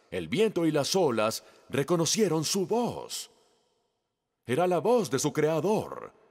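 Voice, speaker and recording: Animated middle-aged male pastor preaching. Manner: animated storytelling with emphatic pitch swings. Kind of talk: sermon.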